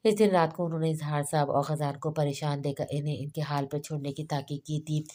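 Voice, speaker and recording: A woman narrating a romance novel as an audiobook, in a measured, even storytelling way. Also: low voice. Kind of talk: novel reading.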